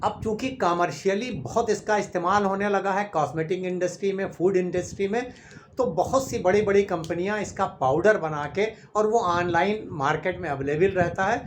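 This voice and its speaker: A man with a high-pitched voice talks as a doctor on his own health channel. He explains patiently and methodically, listing each point in turn. A faint hiss of background noise sits under his voice. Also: moderate pace.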